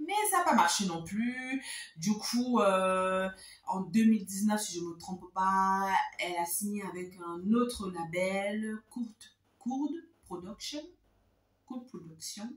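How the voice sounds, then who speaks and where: A woman host casually telling a story to her viewers, chatty and lively, repeating words for emphasis. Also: mid-range voice, unhurried, roomy sound, far from the mic.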